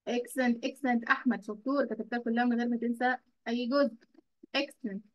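A woman with an Egyptian Arabic accent teaching children English in an online class, praising them and drawing out English words slowly. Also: fairly high pitch, fairly even intonation, muffled recording.

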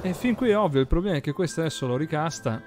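A man's voice: on the high side, animated, rapid-fire. A man in his thirties giving casual live gameplay commentary, muttering, exclaiming and swearing freely into a close desk mic. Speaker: game streamer. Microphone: desk microphone close to mouth. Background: game music and sound effects.

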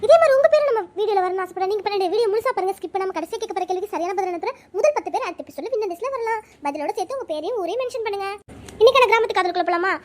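Upbeat high-voiced woman host. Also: expressive, racing. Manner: upbeat, announcing. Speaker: channel host. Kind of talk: cheerful video intro.

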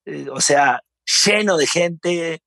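A man with a Uruguayan Spanish accent telling stories in a casual interview, animated and laughing often. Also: a little high, slow, vocal fry, no echo. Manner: animated storyteller, laughs often, acts out shouts. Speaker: interview guest.

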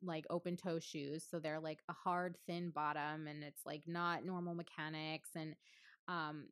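Female PT co-host, 30s, lowish voice, casual rambling storyteller, dry recording. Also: unhurried, smooth, no echo. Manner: chatty, many fillers, laughs often, lively storytelling. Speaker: physical therapist and podcast co-host. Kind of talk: casual chat.

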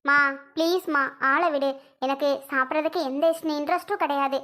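A woman's voice: sits high, steady tone, normal speed, sharp tone. A woman playing a sulking pregnant young wife who wearily refuses food and stays defiant, in a family drama skit. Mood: sulky. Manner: sulky, weary refusals.

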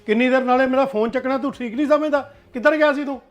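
A man acting as a furious, hot-tempered father with a Punjabi accent, scolding in a very high, quick voice. The sound is slightly dull, with faint music underneath. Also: fairly even intonation. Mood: angry. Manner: scolding, shouting. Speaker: angry father. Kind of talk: short drama acting.

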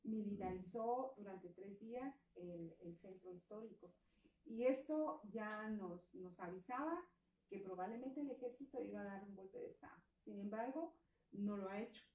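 A woman's voice: mid-range voice, normal speed, darkish tone. A woman from Guatemala with a Guatemalan Spanish accent, an activist earnestly explaining a political crisis, with frequent fillers and tag questions. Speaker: women's movement activist. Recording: echoey room from a distance.

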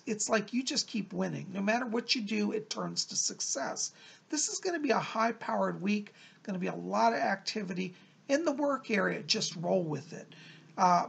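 A middle-aged man with a raspy, creaky voice gives an informal mystical horoscope reading as a psychic, encouraging and advising the listener directly. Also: sits high, a bit bright. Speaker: psychic medium presenting horoscopes. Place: small room at home, indoors.

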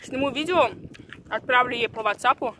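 Woman chatting while chewing, bright voice. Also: a little high, normal speed, a little hiss or hum. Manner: chatty, jokey, talks while eating. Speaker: mukbang vlogger. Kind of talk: casual vlog chat. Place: outdoors on a riverside pier.

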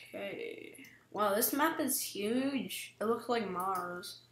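A woman's voice: medium pitch, echoey room. A woman giving casual, giggly, self-deprecating gameplay commentary as a vlogger. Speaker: gaming vlogger.

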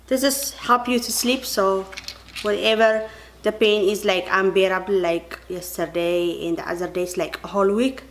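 A woman's voice: mid-range voice, slight background noise. A woman in her thirties talking to camera in her kitchen, earnest and chatty, often calling her viewers you guys. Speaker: vlogger. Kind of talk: casual vlog to camera. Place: kitchen at home.

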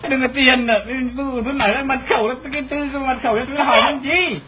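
A man's voice: very high-pitched, steady tone, racing. A man playing a prank on a neighbor, repeating himself and breaking into laughter as he talks. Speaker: prankster asking a neighbor for a wifi password. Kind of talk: hidden-camera prank chat. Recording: noisy background.

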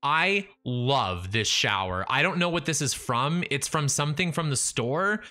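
This young man's medium-pitched voice is expressive, a bit slow, bright and forceful as he livestreams a building game. Talking casually with himself and chat from a small room at home, he uses a studio mic placed in front of his face, his talk full of restarts and trailing ends. He says his voice is fading.

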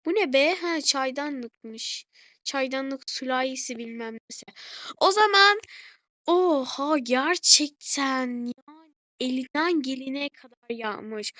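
A high, bright female voice giving casual gameplay commentary, heard dry and close with no room around it. She is excitable, keeps turning to her viewers, and gushes over every little detail she finds. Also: slow pace, no echo. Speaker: gaming channel host.

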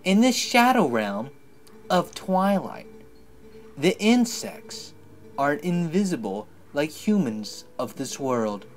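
A man voicing an ancient spirit of light, reading its lines in a drawn-out, ceremonial way. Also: fairly high pitch, sing-song, faint music behind, voice pushed up. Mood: solemn. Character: solemn ancient light spirit, slow and grand.

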